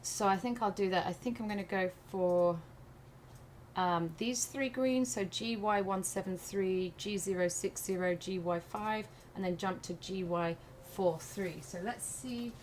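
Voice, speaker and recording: During a live art tutorial, the host, a woman from England with an accent mixing English and American, casually thinks aloud in a medium-pitched, slightly slow voice. Noticeable background noise runs under the recording.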